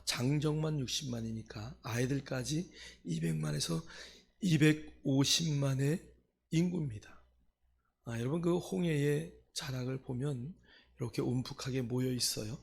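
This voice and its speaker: A man preaching a sermon as pastor, swinging from hushed asides to loud, emphatic calls. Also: medium pitch, creaky, a little hiss or hum.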